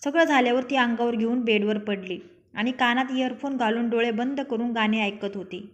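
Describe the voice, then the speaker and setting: A woman's voice: fairly high pitch, moderate pace, dull audio. A young woman narrating her own written love story, reading every character's lines herself.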